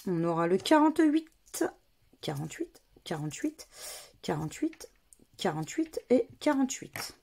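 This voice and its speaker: This vlogger's mid-range voice swings widely in pitch, gravelly and darkish, at a moderate pace. She chats casually through her scratch games, methodically naming every letter and number in sequence.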